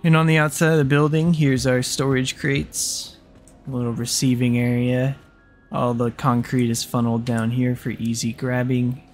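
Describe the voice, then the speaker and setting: A young man talks through his factory build in loose, joking gameplay commentary, with the odd curse thrown in. His voice sits in a middle pitch. Soft music plays quietly behind him. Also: level tone, normal speed. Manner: goofy, jokey, swears freely. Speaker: gaming YouTuber.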